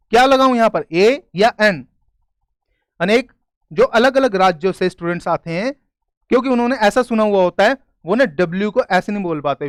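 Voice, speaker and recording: Male tutor, high clear voice, dry close mic, explains slowly and checks understanding. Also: no echo. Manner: explains step by step, often asks "clear?". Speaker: grammar teacher. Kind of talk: classroom-style video lesson.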